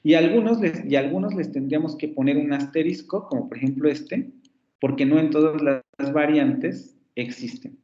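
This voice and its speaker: A male phonetics professor with a Mexican Spanish accent, teaching an online class and explaining step by step, repeating example words slowly. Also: a little high, dark tone. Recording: echoey, muffled lo-fi class recording.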